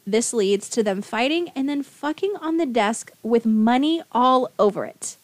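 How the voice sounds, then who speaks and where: A woman's voice: fairly high pitch, no echo. A woman co-hosting a podcast, summarizing a novel's plot in casual chat with wry asides. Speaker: podcast co-host. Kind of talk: book recap, casual chat.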